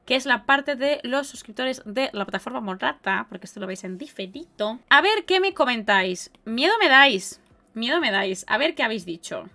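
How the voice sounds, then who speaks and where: Chatty Spanish woman, higher voice. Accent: Spain Spanish. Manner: chatty and expressive, with lively exclamations. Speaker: podcast host and streamer. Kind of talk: casual live podcast chat, reading viewer comments.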